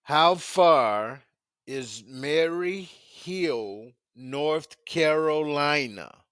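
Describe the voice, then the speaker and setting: A man's voice: a little high, expressive, very slow, fairly bright tone, clear, resonant tone, no room sound, studio quality. A man in his fifties hosting a casual live chat with strangers, talking in a laid-back, drawling and repetitive way. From United States. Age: 50s. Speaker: host of a live video chat.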